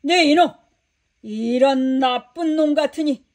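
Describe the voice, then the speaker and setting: A stern, powerful master scolds and gives orders in a children's Bible storybook, voiced by a woman. He booms his commands slowly. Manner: booming scolding.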